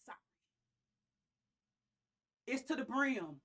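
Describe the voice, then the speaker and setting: High-pitched Southern US woman preaching. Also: lively intonation, slow, fairly bright tone. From American South. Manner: emphatic, repeats key phrases, folksy interjections. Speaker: pastor preaching. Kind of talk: church sermon.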